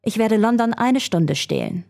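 A woman's voice: on the high side, lively intonation, moderate pace, gravelly, darkish tone, pitched above the performer's own voice. A woman voicing a scheming male researcher villain who craves world power, speaking in a gloating, theatrical way.

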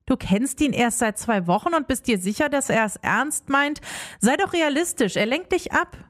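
A woman's voice: high voice, lively intonation, normal speed. A woman voicing a frank young best friend who questions and pushes back, in a dramatic story reading. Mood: skeptical.

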